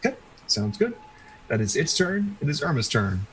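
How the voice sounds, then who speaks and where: A man's voice: fairly high pitch, big pitch swings, normal speed, a crowd in the background, poor audio. A man running a tabletop game as game master, narrating casually with frequent fillers.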